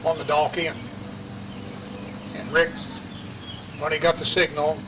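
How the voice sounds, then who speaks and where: A man's voice: on the high side, flat delivery, a little slow. An older man with an Appalachian West Virginia accent, telling family stories in a rambling, colloquial, folksy way. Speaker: interviewee sharing family memories. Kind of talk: casual oral-history storytelling. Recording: distant mic, clear outdoor traffic noise.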